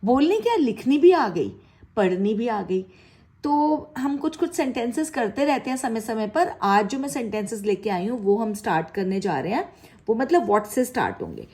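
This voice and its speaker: A woman's voice: fairly high pitch, very animated, normal speed, warm tone. A woman teaching spoken English, encouraging her learners and repeating example sentences with a questioning tone.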